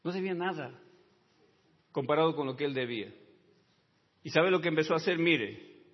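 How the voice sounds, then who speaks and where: A husky-voiced man delivers an expressive sermon at normal speed, calling listeners "brother" and tagging lines with "amen." He swings from low, quiet asides to loud, high shouting. The sound is dull, with long reverb from a large hall.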